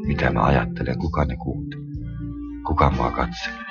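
Man, very deep register, earnest conversational testimony; muffled low-fidelity recording with music behind. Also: steady tone, creaky. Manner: earnest, colloquial storytelling with a recurring stock phrase.

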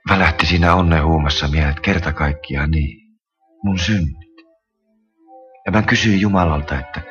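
Very deep-voiced man telling his testimony. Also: a bit bright. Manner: earnest, colloquial storytelling with a recurring stock phrase. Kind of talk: spoken conversion testimony. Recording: dull lo-fi recording with music behind.

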